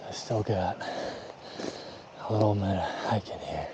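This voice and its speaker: A man's voice: low voice, a little slow. A man filming himself while hiking in the mountains, often whispering and out of breath from the climb. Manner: often whispering to avoid spooking game. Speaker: hunter filming a scouting trip. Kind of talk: hushed hiking vlog narration. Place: outdoors in mountain terrain. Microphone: camera mic carried while hiking. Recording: loud wind and outdoor noise on camera mic. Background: loud outdoor ambience.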